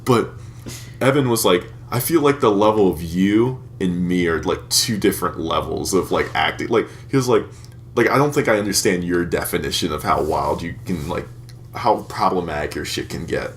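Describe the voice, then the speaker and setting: Laughing often, this podcast co-host, a man in his twenties, rambles casually through crude stories. His voice sits low and moves at a normal speed, and a little hiss or hum can be heard.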